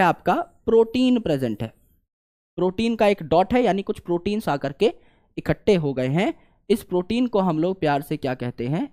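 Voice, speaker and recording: A male biology teacher, lecturing online while he draws a diagram. He keeps asking questions and answering them himself, going loud on the questions and muttering as he draws. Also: sits high. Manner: repetitive, asks and answers own questions; swings between loud questions and quiet drawing mutters.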